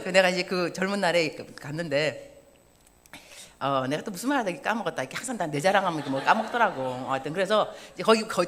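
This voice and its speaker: A woman's voice: on the low side, a little hiss or hum. Fifties woman missionary preaching, jokey and self-mocking, voice bouncing all over. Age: 50s. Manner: lively, joking and self-mocking. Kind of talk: sermon. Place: church service.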